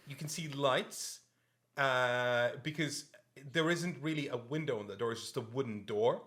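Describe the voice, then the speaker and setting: A man running a tabletop role-playing session as its game master. He talks in a loose, halting way, stopping and restarting phrases as he sets the scene. His pitch sits in the middle range. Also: fairly bright tone. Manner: halting, chatty, laughs often.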